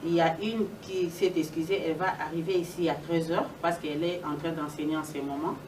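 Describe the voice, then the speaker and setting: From some distance in a reverberant, noisy room, a woman addresses an event as moderator. Her voice is on the low side. She is emphatic and repeats phrases to stress them. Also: steady tone, a little fast. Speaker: event moderator introducing speakers. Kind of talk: public address.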